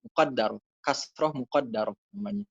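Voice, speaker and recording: A man walks through grammar answers at a middling pitch, patient and chatty, leaning on little fillers as he explains. The sound is dull and dry, close and without room echo. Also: big pitch swings, fairly quick, gravelly, breathy edge. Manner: patient, casual, many fillers and "gitu ya". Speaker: Arabic grammar teacher.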